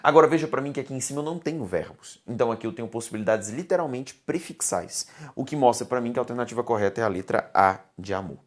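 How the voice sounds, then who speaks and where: A Brazilian woman running an exam-prep grammar lesson, her pitch swinging widely up and down. She talks emphatically and keeps pulling students back with calls to look and listen. She fondly addresses them as her dears. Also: expressive, fast, hardly any pauses. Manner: affectionate, calls viewers "my dears".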